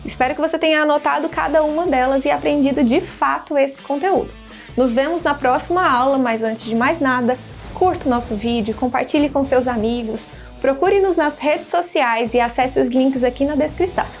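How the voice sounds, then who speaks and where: A woman teacher giving a scripted grammar lesson, speaking clearly and stressing her example sentences. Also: high voice, normal speed, faint music behind.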